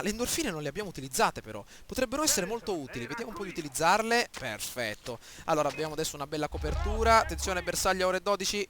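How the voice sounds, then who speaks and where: An Italian man commentates his gameplay live with a high voice. He shouts and yelps whenever the action heats up, then settles into calm, steady talk while crafting. Loud game sound effects and engine noise run behind him.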